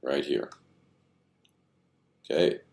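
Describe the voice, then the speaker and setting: A man's voice: drawn-out words, a little mellow. A man giving casual, rambling commentary on stock charts, thinking aloud with many fillers, tired and yawning.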